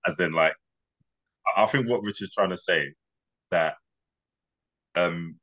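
A man in a podcast discussion, measured and mediating, often restarting his sentences. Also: sits low, a bit bright.

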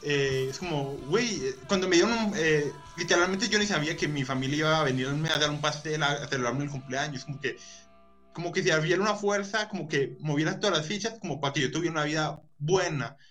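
A man's voice: fairly high pitch, fast, fairly bright tone, faint music behind. A Colombian man chatting casually as a guest, rambling with many fillers. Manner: rambling, filler-heavy, earnest. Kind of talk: casual chat.

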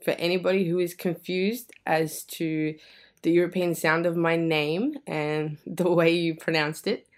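Australian woman, low and reflective. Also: steady tone, a little slow. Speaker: guest, energy and mindset coach. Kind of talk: casual podcast interview. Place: indoor room.

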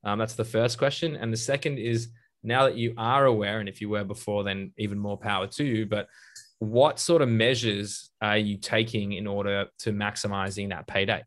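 A man's voice: on the low side, fairly even intonation, moderate pace, a bit bright. A man hosting a podcast interview, chatty and rambling, who laughs often. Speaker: podcast host. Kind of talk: casual interview.

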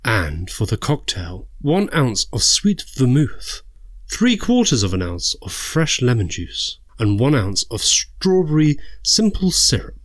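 A man's voice: mid-range voice, sing-song, measured pace, no echo. A man co-hosting a podcast in a casual, conversational way. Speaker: podcast co-host. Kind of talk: casual chat.

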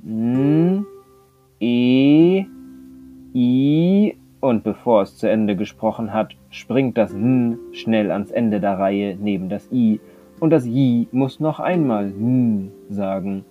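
Male teacher, children's story narration, calm and clear, very slow, dull lo-fi recording, faint guitar. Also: on the low side. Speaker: primary school teacher.

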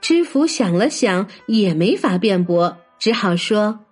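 A woman telling a traditional folk tale as a children's storyteller, in an expressive, lively way. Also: mid-range voice, measured pace, breathy edge, soft background music. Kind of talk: storybook narration.

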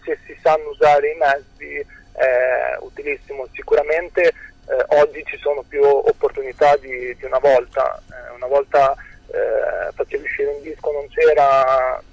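A young man, a musician guest, answering interview questions over the phone, hesitant and full of drawn-out fillers. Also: mid-range voice, steady tone, vocal fry, slightly rough, no room sound, poor audio.

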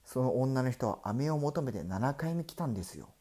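A man's voice: medium pitch, lively intonation, moderate pace, dark tone, breathy edge. Candy-shop owner, curious and cautious, plain male voice, the narrator doing it. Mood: questioning.

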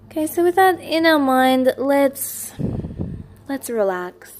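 A woman leading a guided meditation as its teacher, in a gentle, soothing, lulling manner with repeated soft instructions. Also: sits high, lively intonation, takes it slowly, a little hiss or hum.

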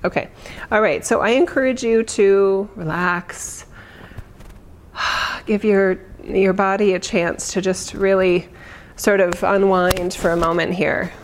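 A woman leading a guided meditation in a soothing, gentle, unhurried way, encouraging the listener with drawn-out pauses. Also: medium pitch, fairly even intonation, a little hiss or hum.

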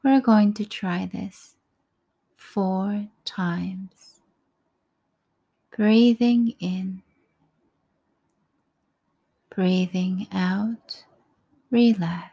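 Slow, breathy woman guiding meditation. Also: mid-range voice. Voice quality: soft, breathy, often near a whisper. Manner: calm, soothing, unhurried short phrases with pauses. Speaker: meditation guide.

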